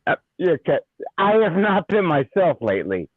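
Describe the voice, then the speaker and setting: A tipsy man calling in to a casual chat, loud, profane and rambling, with a gruff, pirate-like sound. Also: fairly high pitch, big pitch swings, a little fast, no echo. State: tipsy from drinking. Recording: tinny phone-like call audio.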